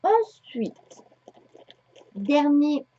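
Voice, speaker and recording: Her high, mellow voice swings widely in pitch and moves extremely slowly as this thirtysomething knitting podcaster chats about her knitting and sewing. She rambles with many hesitations, and the home recording sounds dull and lo-fi.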